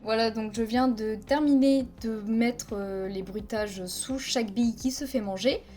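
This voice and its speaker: Speaking unhurriedly into a headset mic, a woman explains each step of a video editing process plainly and counts out frames in a screen-recorded tutorial. Her slightly high voice is mellow with a steady tone, and faint music sits in the background.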